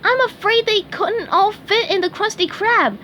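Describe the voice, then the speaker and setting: A woman voicing an excitable young male sea sponge in a storybook reading, eager and squeaky. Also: moderate pace, slight background noise. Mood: cheerful. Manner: eager, wide-eyed, squeaky. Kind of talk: storybook read-aloud.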